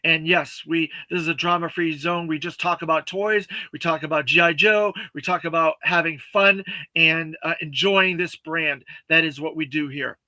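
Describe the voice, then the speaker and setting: A man hosting a toy review livestream, chatting casually and reading viewer comments, halting with many fillers and thanking viewers earnestly. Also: fairly high pitch, steady tone, pushed and bright, no echo. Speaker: toy review show host.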